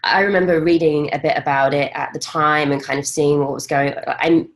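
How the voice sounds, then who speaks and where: An English woman hosts a casual live-stream interview in a fairly low voice. She is chatty, reacts warmly and laughs easily between questions. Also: steady tone, brisk. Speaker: host.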